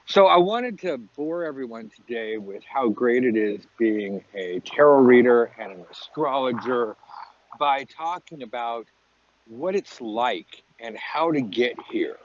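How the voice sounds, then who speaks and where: A man's voice: medium pitch, animated, unhurried. A man hosting a podcast outdoors at a beach, chatting casually in a rambling, joking, informal way with wind on the mic. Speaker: podcast host and tarot teacher. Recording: dull lo-fi audio, wind on mic. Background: wind noise.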